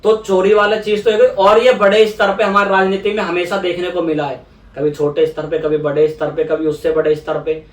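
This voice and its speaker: A man's voice: high voice, level tone, a little fast, far from the mic. A young man from India, a politician guest in an interview, explaining earnestly and repeating phrases for emphasis. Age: young adult. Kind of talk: conversational interview. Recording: echoey room, voice away from mic.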